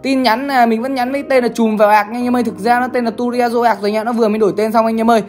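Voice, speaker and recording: A woman talks her viewers through a game in casual, chatty commentary. She speaks at a rapid clip and keeps calling out to the audience. Faint music plays softly underneath. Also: fairly high pitch, fairly even intonation. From Bắc Giang, Vietnam. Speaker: gaming streamer.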